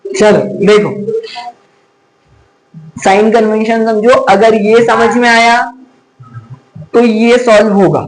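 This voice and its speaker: A man's voice: high voice, flat delivery, takes it slowly, long pauses, low-quality recording. A man teaching a physics class, chatty and teasing, scolding students to focus and mixing in English terms. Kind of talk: classroom lecture.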